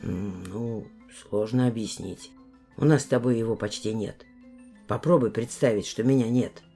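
A woman voicing a weary, fatherly male border guardian who explains things slowly and gently, in a deep, quiet voice. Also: faint music behind. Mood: gentle. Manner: slow, measured explaining.

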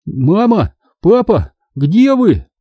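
A man voicing an eager, insistent young boy who shouts and pleads in a high voice. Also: big pitch swings, unhurried, slightly rough, dry recording, muffled recording, heavily acted. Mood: excited.

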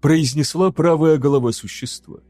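A man narrating an audiobook in a measured, dramatic reading style. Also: a little high, mellow, no echo, clean studio sound, soft background music. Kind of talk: scripted narration.

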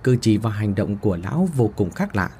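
A man narrating a horror story with expressive storytelling delivery. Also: lowish voice, fairly quick, heavy background noise.

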